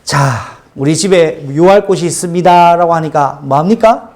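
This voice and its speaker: A middle-aged male pastor preaching a sermon, telling his own testimony with animated storytelling. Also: fairly high pitch, moderate pace. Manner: animated storytelling testimony, acting out quoted cries.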